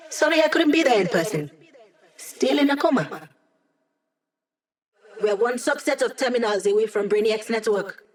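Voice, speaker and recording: A woman playing an upbeat, wry young female hacker living as data, giving casual, teasing mission support in a video game. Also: a little high. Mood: urgent, encouraging. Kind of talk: video game voice lines over comms.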